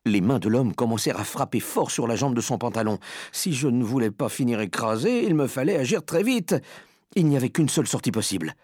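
Animated male storybook reader. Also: medium pitch, a little fast, husky, no echo, studio quality. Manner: animated, dramatic first-person telling. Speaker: audiobook reader. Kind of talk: expressive storybook narration.

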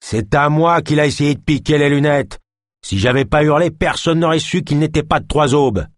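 A man doing Dark, a bullying potbellied crook. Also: on the high side, moderate pace, dry recording, studio quality, voice pushed up, close to an everyday voice. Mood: gruff. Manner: shouting, gruff haggling. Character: potbellied scarred middle-aged man, greedy and bullying.

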